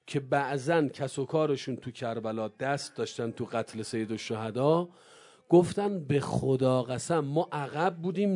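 A male preacher delivering an impassioned mourning sermon, swinging from low murmurs to loud cries.

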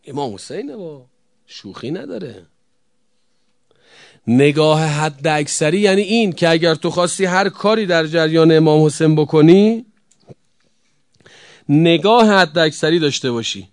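Man, sermon, high voice, emphatic rhetorical questions, dry close sound. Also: no echo. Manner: emphatic, rhetorical questions, sweeping swings in loudness. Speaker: preacher. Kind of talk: religious sermon.

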